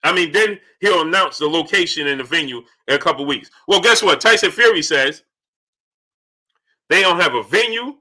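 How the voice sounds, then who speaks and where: A man's voice: a little high, animated, moderate pace, pushed and bright. A man giving opinionated commentary as a livestream host, in a smug, sarcastic exposé manner, hammering points with repeated phrases and mocking rhetorical questions. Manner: emphatic, repeats phrases for effect. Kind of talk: opinionated boxing commentary to a live audience.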